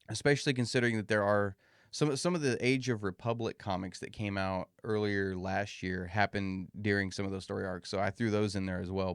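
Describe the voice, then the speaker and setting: Speaking directly to his audience in a relaxed, folksy way, this podcast host has a clear, fairly deep, resonant voice, though a swollen mouth muffles it slightly. He records alone, and the sound is close and dry without echo.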